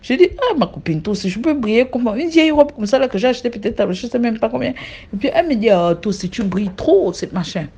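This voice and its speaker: Animated young Cameroonian woman storyteller. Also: fast talker, slightly rough. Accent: Cameroonian French. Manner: animated, with frequent restarts and high exclamations. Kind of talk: casual spoken testimony.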